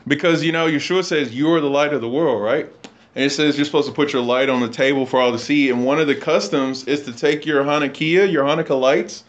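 A man hosts a livestream explaining religious texts in a casual teaching style, reading passages and commenting on them. His voice is on the high side and fairly quick. The audio is lo-fi, coming through an internet call or stream.

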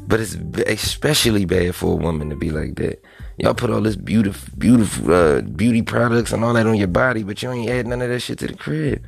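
A man's voice: on the low side, lively intonation, a little fast, creaky, husky, faint music behind. A man ranting bluntly and profanely in a casual monologue.

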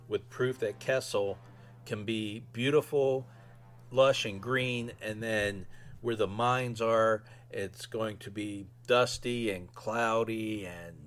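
Low-voiced man hosting a casual podcast. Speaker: podcast host. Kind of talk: casual solo fan review.

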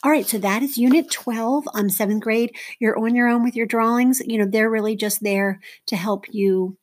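A woman's voice: on the high side, fairly even intonation, normal speed. A woman teacher talks through a vocabulary list for a recorded lesson. She is chatty and informal, filling her explanations with ums and everyday example sentences. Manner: frequent ums and asides.

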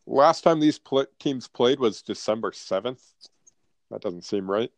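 A man's voice: medium pitch, animated, measured pace, no room sound. A North American man in casual sports chat as a podcast co-host, blunt and profane with frat-bro banter.

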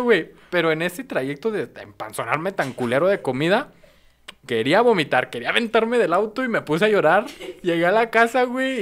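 Slangy Mexican man telling a story. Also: a little high. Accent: Mexican Spanish. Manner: animated, slangy, laughs while telling. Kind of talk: casual storytelling chat.

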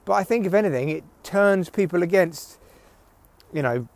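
A man with a slightly high voice delivers a loose, opinionated solo podcast rant with some swearing. He talks into headphones used as his mic, so the sound is close and dry. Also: lively intonation, normal speed, gravelly, a little mellow, dry recording. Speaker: podcast host, comedian. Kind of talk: rambling solo podcast monologue. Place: outdoors in windy weather. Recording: recorded through headphone mic, rustly clicks.

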